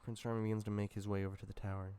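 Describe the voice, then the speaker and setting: A man's voice: lowish voice, flat delivery, very fast, dark tone, clean tone. A man with a sore throat reading a film script aloud casually, with dry asides and small stumbles. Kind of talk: casual script read-through.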